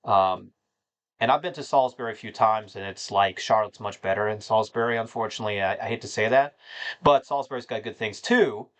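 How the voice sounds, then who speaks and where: Speaking a little fast in a lowish voice, a man in his thirties from North Carolina hosts a livestream and answers viewer questions. He's casual and rambling, full of fillers, and keeps calling the chat "man."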